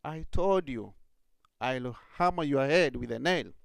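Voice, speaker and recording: A grumpy rat shopkeeper makes slow, gravelly threats in a spoken fable, voiced by a man. The sound is close and dry. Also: mid-range voice, no room sound. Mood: threatening. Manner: gruff and threatening.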